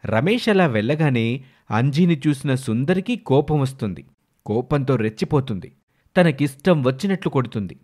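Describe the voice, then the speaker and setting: A man narrating a moral story for a cartoon in a steady, plain storytelling manner. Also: mid-range voice, normal speed.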